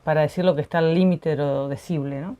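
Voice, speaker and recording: Female co-host with a low-set voice, reading verse and discussing it thoughtfully. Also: steady tone, dark tone. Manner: reflective, measured, frequent tag questions. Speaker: poetry program co-host.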